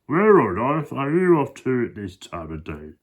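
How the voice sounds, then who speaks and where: A man's voice: medium pitch, very animated, moderate pace, voice pushed up. A man voicing an indignant, disapproving hippopotamus in a children's storybook, exclaiming and scolding. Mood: friendly, suspicious.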